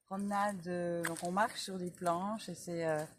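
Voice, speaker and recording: A woman vlogger talking in a halting, improvised way, with many restarts, while sitting on a beach by the sea. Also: lowish voice, fairly even intonation, a little hiss or hum, rough recording. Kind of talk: improvised casual vlog and reading aloud. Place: outdoors on a sandy beach by the sea. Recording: loud outdoor ambience by the sea.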